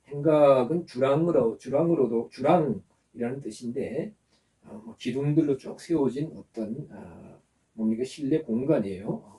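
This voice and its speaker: Pastor with a dark voice, sounding distant. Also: male voice, mid-range voice. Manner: teaching, with pauses to explain terms and have the congregation repeat words. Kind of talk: sermon.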